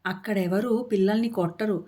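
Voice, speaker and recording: A woman's voice: mid-range voice, steady tone, a little fast, dark tone, lightly acted. Older grandmother in a storybook, tender and coaxing, read by a woman narrator. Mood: soothing. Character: gentle, worried grandmother soothing her grandson.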